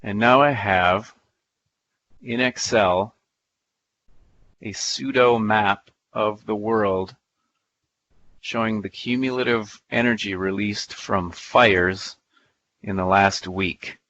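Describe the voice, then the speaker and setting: During a live software demo, a male presenter thinks aloud in a playful, folksy manner. His slightly low voice stays steady and slow, broken by frequent pauses. The audio is dull and lo-fi, much like a conference recording.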